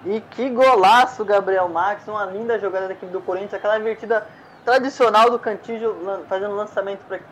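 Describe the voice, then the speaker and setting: A man's voice: high-pitched, fairly even intonation, brisk, fairly bright tone. A Brazilian man giving enthusiastic live football analysis as the match broadcast's second voice. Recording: dull lo-fi feed with background noise.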